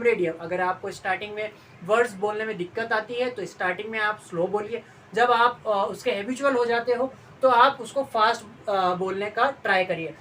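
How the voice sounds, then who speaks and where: A woman teacher giving a patient online study lesson, often reciting long lists in steady pairs. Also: a little high. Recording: distant mic, faint room noise.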